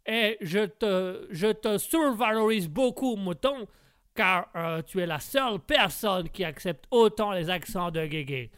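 A man playing a haughty, posh English gentleman, with a put-on mock accent, scolding his co-host as "old boy". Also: fairly high pitch, big pitch swings, slow, long pauses, breathy edge, exaggerated voice.

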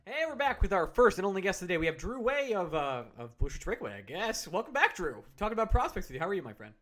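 A man's voice: sits high, very animated, quick pace, a bit bright. A man hosting a sports podcast in casual chat, steering the questions and the guest. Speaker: podcast host.

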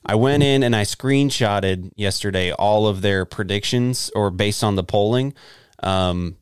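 A man co-hosting a podcast, rambling loosely and swearing now and then. His voice sits low, with a smooth, resonant tone on a dry, close mic. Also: unhurried, dry recording. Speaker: podcast co-host. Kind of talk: casual chat.

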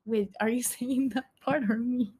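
A woman's voice: a little high, fairly even intonation, moderate pace, dark tone, slightly rough. A woman in her twenties from Central America hosting a casual podcast, chatty and reading from a script with many ums and laughs. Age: 20s. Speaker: podcast host.

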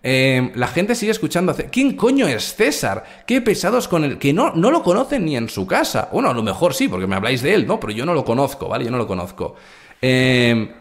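Brash, lively man streaming market talk. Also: medium pitch, a little fast. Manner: brash, crude, animated, talks straight to chat. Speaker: crypto trading streamer. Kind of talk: live stream market commentary.

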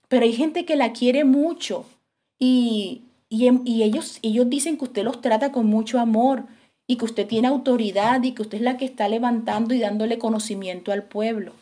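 A woman's voice: fairly high pitch, moderate pace, mellow. A woman preaching a sermon and telling a story dramatically, acting out the quotes as she goes.

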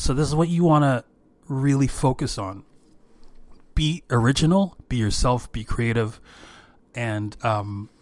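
A man's voice: medium pitch, no echo. Guy doing a solo podcast, voice kinda strained and worn, stop-start casual delivery, close dry sound. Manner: halting, often repeats words and searches for phrasing. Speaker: podcast host, creative director. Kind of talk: informal solo podcast talk with marketing tips.

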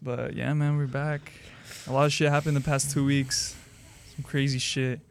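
A man's voice: medium pitch, level tone, moderate pace. A young man hosting a casual chat podcast, talking like a frat bro with lots of slang and swearing. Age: young adult. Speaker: podcast host.

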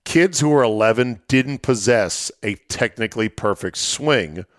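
A man's voice: medium pitch, lively intonation, unhurried, dry recording, studio quality. A middle-aged man hosting casual sports talk, explaining things in short, listed phrases.

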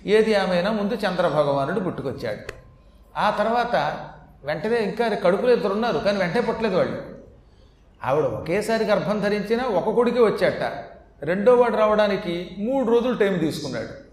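High-ish male voice doing a chatty scripture talk w jokes, echoey hall. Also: animated, fairly quick. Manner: chatty, with humorous asides. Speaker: religious storyteller. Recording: echoey hall with faint ambience.

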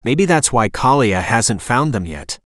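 A man's voice: medium pitch, big pitch swings, measured pace, a bit bright, no echo, studio quality. A male narrator playing a cocky young man who talks in casual slang and grandstands as a prosecutor in an audiobook. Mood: brash. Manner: casual slang, showy, whiny at times.

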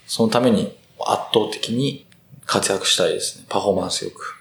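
A young man in his twenties, a rugby player answering interview questions earnestly and thoughtfully, with many pauses and fillers. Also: on the low side, vocal fry, a bit bright, a little hiss or hum. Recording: roomy echo.

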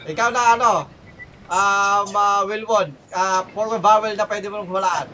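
A man's voice: high voice, fairly even intonation, a little slow, pushed and bright, recorded from a distance, slight background noise. A man with a Filipino accent hosting a casual podcast word game, counting down and prodding the players. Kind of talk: casual game-show chat, mixing Tagalog and English.

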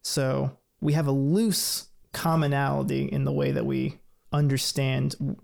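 A man talks through ideas in an easygoing conversational way. His voice has a heavy gravelly fry, and he thinks aloud with light laughs. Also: medium pitch, level tone, measured pace, a little mellow. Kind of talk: casual explanatory chat.

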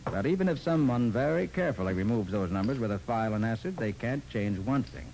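An actor playing a confident, persistent detective with a firm, clipped way of explaining, in 1940s radio drama style. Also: male voice, mid-range voice, lively intonation, quick pace, darkish tone, slight background noise, natural voice, rough recording.

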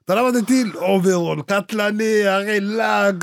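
A young man co-hosting a podcast, telling animated stories in casual slang. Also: high voice, vocal fry. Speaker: podcast co-host. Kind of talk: casual chat.

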